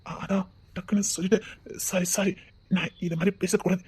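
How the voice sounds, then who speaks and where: Woman playing a shy, husky-voiced young man with a Tirunelveli accent. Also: fairly low pitch, level tone, brisk, a little mellow. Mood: shy, apologetic. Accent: Tirunelveli Tamil. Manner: hesitant, stammering, apologetic. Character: shy tender young man, tearful and devoted. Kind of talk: web-series drama acting.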